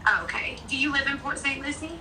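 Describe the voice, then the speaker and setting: A woman's voice: high voice, fast, pushed and bright. A woman on a phone call, a real estate agent chatting and explaining at length. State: bad cell service. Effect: heard over a phone call. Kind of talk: casual phone conversation. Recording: distant phone line, faint noise.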